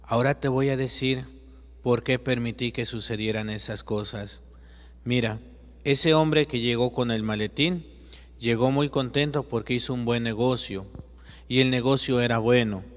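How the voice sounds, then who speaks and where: Guy doing a soft, patient wise teacher, slow and even, long echo. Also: medium pitch, close to an everyday voice. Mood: calm. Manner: soft, measured, explaining. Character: calm, patient divine teacher, gentle and wise. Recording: long echoey reverb.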